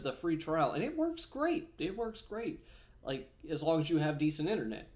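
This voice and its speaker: A gaming vlogger with a medium-pitched, darkish voice chats casually, rambling with lots of fillers and self-corrections. He snacks on almonds while he talks.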